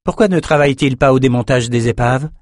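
A man's voice: mid-range voice, quick pace, no echo, voice pushed up, natural voice. A man voicing a proud sorceress woman who answers with dry, cutting retorts.

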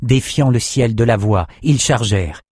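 A man narrating a fantasy audiobook with even, measured storytelling. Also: medium pitch, slightly rough, no room sound, clean studio sound.

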